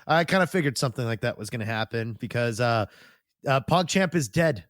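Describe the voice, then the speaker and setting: Male podcast host, mid-pitched, informal chat delivery, dry close recording. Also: animated, normal speed, a bit bright, no room sound. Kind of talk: casual chat.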